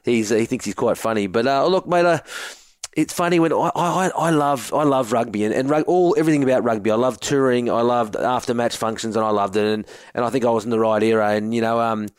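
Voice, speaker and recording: Australian man, 40s, co-host; laid-back joking storyteller, mid pitch, dry recording. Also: fairly quick, clear, resonant tone, no echo. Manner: jokey yarn-spinner, says mate often. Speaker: co-host, former rugby forward. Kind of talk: casual chat, storytelling.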